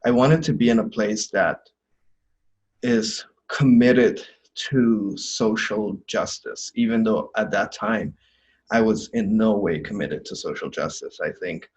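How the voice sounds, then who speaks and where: Earnest young man, lower voice. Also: unhurried, lo-fi sound. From Guyana. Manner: earnest, reflective, many ums and restarts. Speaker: seminary student. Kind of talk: testimonial interview. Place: small room indoors.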